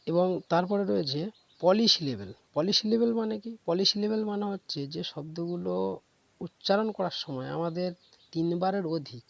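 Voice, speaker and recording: A man gives a grammar lecture in a slightly high, gravelly voice. He asks rhetorical questions and answers them, and he slowly repeats example words so students can follow. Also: no echo. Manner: explains step by step, asks and answers his own questions. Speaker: English grammar teacher. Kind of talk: classroom lecture.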